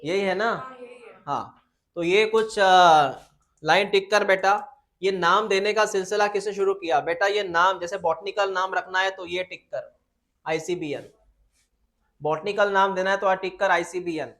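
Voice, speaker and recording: This is a classroom lecture by a biology teacher with a high, lively voice who keeps things informal. He calls his students "beta" and rattles off questions he answers on his own. His reading of the English textbook is deliberate and slow.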